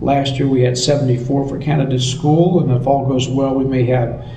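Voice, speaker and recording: Brief: male American interviewee, mellow and halting, conversational, recorded off-mic in a roomy space. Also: medium pitch, steady tone. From United States. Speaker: missions director being interviewed. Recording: roomy echo, distant mic, faint noise.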